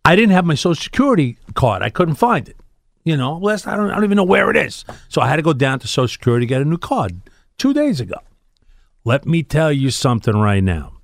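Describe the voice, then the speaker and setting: A man in his sixties with a gravelly, creaky edge and lively, swinging pitch. He tells stories in a casual, blunt, streetwise way, recorded close and dry. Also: fast, dry recording. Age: 60s. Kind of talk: casual chat, anecdotes.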